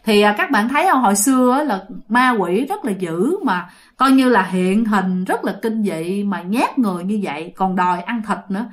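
A woman's voice: medium pitch, expressive, normal speed. A woman with a Southern Vietnamese accent telling a ghost story casually, addressing listeners directly.

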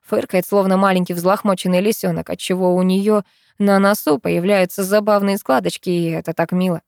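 Woman reading a novel aloud, steady tone, mid pitch, dry close sound. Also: brisk, gravelly, dry recording. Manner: even storytelling, reads a male first-person narrator. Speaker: audiobook narrator. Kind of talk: scripted narration.

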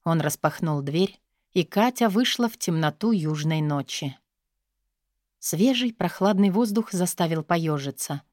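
A woman narrating an audiobook in an expressive, steady storytelling manner. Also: lowish voice, unhurried, no room sound, clean studio sound. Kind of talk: scripted narration.

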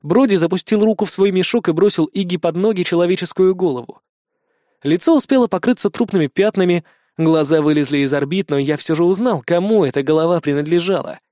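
Man narrating an audiobook, fairly high voice. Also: a little fast, no echo. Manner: steady, expressive storytelling. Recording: dry close studio audio.

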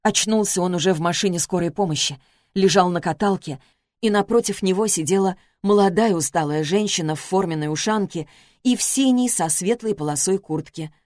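A woman reading a literary story as an audiobook, measured and expressive, close to the mic. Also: on the low side, dry recording. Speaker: audiobook narrator.

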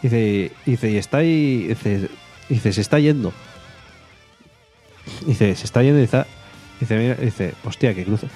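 Man telling a story, animated. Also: a little slow, pauses often. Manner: animated, laughing, shrill acted quotes. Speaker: podcast co-host. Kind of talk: casual storytelling chat. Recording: faint guitar music behind.

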